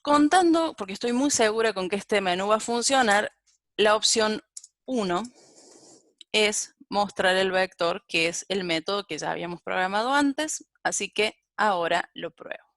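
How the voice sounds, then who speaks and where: A woman's voice: medium pitch, moderate pace, a bit bright, no room sound, clean studio sound. A woman giving a live-coding programming lecture and thinking aloud as she types and corrects herself. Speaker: programming teacher.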